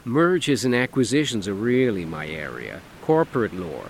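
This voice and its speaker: A man's voice: lowish voice, big pitch swings, moderate pace, vocal fry, a little hiss or hum. A man voicing a flamboyant, brash lawyer who talks in a camp, sassy, emphatic drawl.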